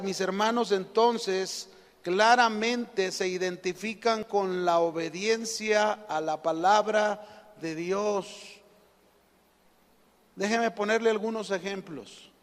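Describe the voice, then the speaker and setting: A man with a Mexican accent preaching a sermon, telling stories animatedly and asking the congregation questions. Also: sits high. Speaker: pastor. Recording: echoey hall reverb.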